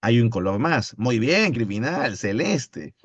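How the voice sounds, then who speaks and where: Slow-talking male literature teacher. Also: medium pitch, very animated, no echo. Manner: reads poem slowly, then playful questioning. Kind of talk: online literature class with chat. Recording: dull lo-fi audio.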